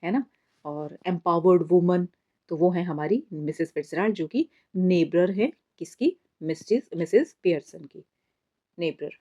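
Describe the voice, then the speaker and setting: A woman's voice: fairly low pitch, a little slow, mellow. A woman teacher giving an exam summary lesson in mixed Hindi and English, patiently explaining and calling her students "beta". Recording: slightly dull lo-fi recording.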